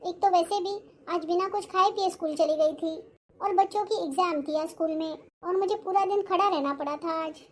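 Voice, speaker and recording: A woman's voice: very high voice, normal speed. A woman voicing an arrogant, scornful young daughter-in-law in a cartoon-style family drama, always complaining and snapping back. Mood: defensive. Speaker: schoolteacher character.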